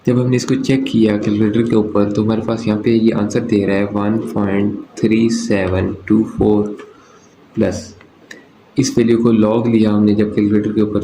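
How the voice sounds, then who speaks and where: Faint background noise and a roomy echo surround this Pakistani maths teacher, whose voice is warm and on the low side. He works through the lesson step by step, asking his own questions, answering them, and checking in often with "okay."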